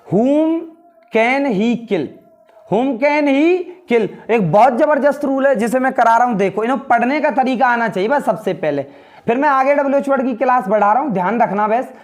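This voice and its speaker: A man teaching English grammar in Hindi, explaining step by step and repeating key words, saying the English sentences slowly. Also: very high voice, expressive. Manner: often addresses students as brother. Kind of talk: classroom grammar lesson in Hindi.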